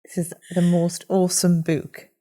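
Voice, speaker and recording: A woman's voice: fairly low pitch, flat delivery, moderate pace. A woman hosting a business podcast, asking questions and affirming her guest. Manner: encouraging, warmly affirming. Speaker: podcast host. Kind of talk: podcast interview.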